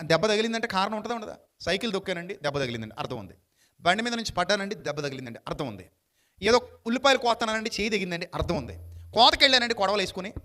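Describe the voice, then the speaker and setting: A man delivers a lively sermon with a high, bright voice. He swings between loud, sharp exclamations and quiet asides. He keeps firing rhetorical questions and acts out the characters in his stories. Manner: animated storytelling, rhetorical questions, acts out drunkards and dialogue. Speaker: preacher.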